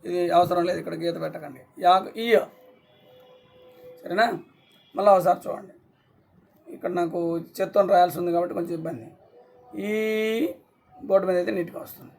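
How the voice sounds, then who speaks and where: A man teaching a class online, sounding out syllables slowly and often checking that students follow. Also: high-pitched, steady tone, gravelly, darkish tone, faint music behind. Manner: slow syllable-by-syllable explaining, frequent checks.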